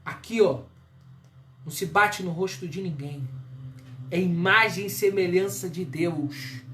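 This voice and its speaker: A man's voice: high voice, measured pace, sharp tone, echoey room, slight background noise. A man with a Brazilian Portuguese accent preaching a sermon, emphatic and full of rhetorical questions.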